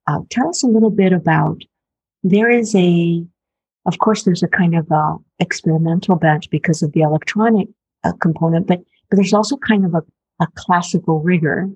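A woman's voice: lowish voice, moderate pace, darkish tone, breathy edge, no echo, dull audio. A woman interviewer who rephrases her questions several times as she asks them.

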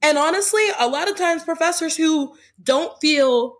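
A woman's voice: high voice, normal speed. Young woman hosting a casual podcast. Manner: earnest, lots of "like" fillers. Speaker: podcast host. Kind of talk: casual chat.

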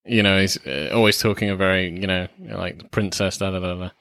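A man's voice: sits low, steady tone, a little fast, vocal fry, a bit bright, no room sound. A man co-hosting a casual film review chat, laid-back and hesitant, with many fillers. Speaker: film review podcast co-host.

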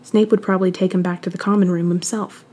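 A woman narrates a fan fiction story aloud in an even, steady storytelling way. Her voice is mellow and a little breathy, with a flat, level delivery. It sounds like a quiet, unhurried audiobook reading. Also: on the low side.

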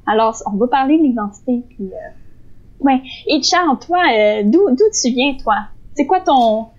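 A woman's voice: sits high, expressive, unhurried, a little mellow. Reflective Québécoise woman, slightly muffled. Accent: Québécois French. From Quebec. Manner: reflective, hesitant with frequent fillers, laughs easily. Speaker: podcast co-host. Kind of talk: casual conversation. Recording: slightly dull lo-fi sound.

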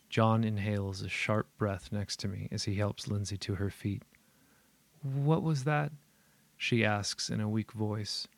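A man narrating a first-person horror story in a steady, measured voice. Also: on the low side, no room sound.

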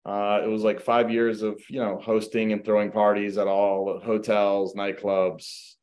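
Fairly low in pitch and a little slow, a middle-aged real estate agent tells his background as a guest on a video call. Originally from Croatia and raised in the US, he keeps this casual interview relaxed, sprinkling in many ums and you knows.

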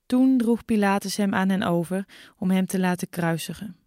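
A woman narrating a dramatized scripture reading in a measured, clear way. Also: medium pitch, mellow. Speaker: scripture reader.

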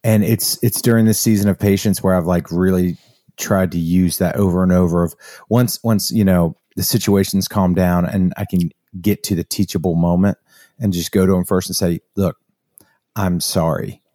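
Deep mellow-voiced man, reflective. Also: fairly even intonation, dry recording, clean studio sound. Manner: reflective, halting, with restarts. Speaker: podcast co-host. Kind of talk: casual chat.

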